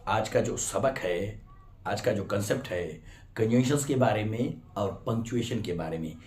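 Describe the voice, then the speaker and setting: A man's voice: on the low side, normal speed, a little mellow. A man teaching a grammar lesson, explaining step by step and often checking "right?" with his students. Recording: roomy echo.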